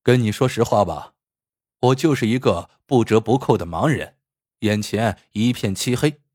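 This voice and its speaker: A man's voice: lowish voice, moderate pace, breathy edge, no room sound, studio quality. A man doing a sly, clever blind man. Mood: wry. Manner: calm, wry.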